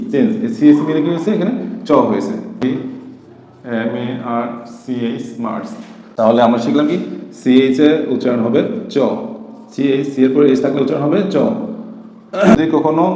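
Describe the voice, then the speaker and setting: A man's voice: mid-range voice, mellow. A man teaching a phonics lesson, spelling words out letter by letter and answering his own questions. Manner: patient, asks questions then answers them. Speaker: English teacher. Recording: echoey room reverb, faint noise.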